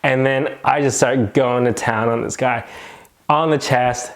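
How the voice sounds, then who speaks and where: A man tells a story casually, filling his sentences with "like". His voice sits at an ordinary pitch. He tells it in an animated way, as a nurse recounting something that happened to him. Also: a little slow. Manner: animated retelling, heavy use of "like".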